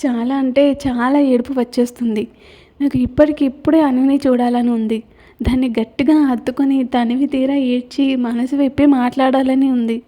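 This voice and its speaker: A woman's voice: high voice, fairly even intonation, normal speed, mellow. A woman narrating her own romance audio novel in the first person, reading in an emotional storytelling manner. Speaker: writer and narrator.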